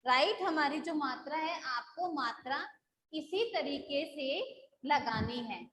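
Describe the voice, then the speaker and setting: A woman's voice: high voice, slow pace, echoey room, noisy background. A woman school teacher taking a live online class, patiently drilling syllables and checking that the students follow.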